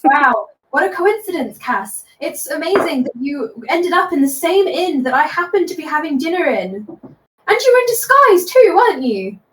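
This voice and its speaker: A woman playing a suspicious young man in his twenties with a prickly, sarcastic edge. He needles with pointed questions in a fairly high voice, heard in an echoey room with faint noise behind. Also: big pitch swings, normal speed. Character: stern 26-year-old man, suspicious and sarcastic.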